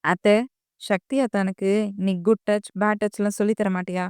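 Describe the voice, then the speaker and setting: A woman's voice: mid-range voice, fairly quick, darkish tone, smooth, no room sound, clean studio sound, close to an everyday voice. A woman voicing a jealous young woman who complains petulantly about her beloved in an audio novel. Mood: indignant.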